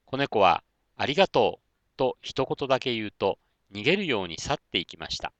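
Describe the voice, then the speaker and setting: A man narrating a children's story in a gentle, expressive manner. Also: mid-range voice, normal speed, no room sound, dull audio.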